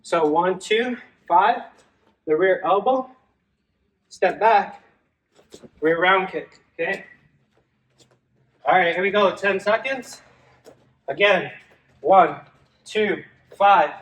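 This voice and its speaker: A man with a high voice coaches kickboxing, calling combinations in short, unhurried bursts while he works a punching bag. He is picked up from a distance, with clear noise around him. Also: a bit bright. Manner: short clipped commands while demonstrating strikes; exerting himself while hitting a punching bag. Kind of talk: workout instruction, calling out strike combinations. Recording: distant mic, clearly noisy room. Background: noise, strikes on a heavy bag.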